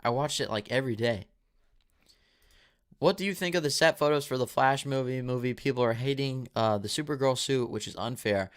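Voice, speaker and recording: A twenty-something man hosts a live movie Q&A, reading out viewer questions and answering casually and ramblingly, full of fillers and restarts, his mouth sounding dry. His voice is medium-pitched, smooth and slightly bright. He runs a movie channel.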